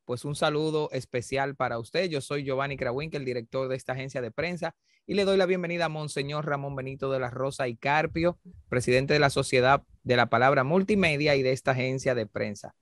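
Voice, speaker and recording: A man's voice: medium pitch, fairly quick, a bit bright, no room sound, clean studio sound. A man, the agency director, hosting with a formal, courteous welcome. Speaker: press agency director and host. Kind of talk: formal program introduction.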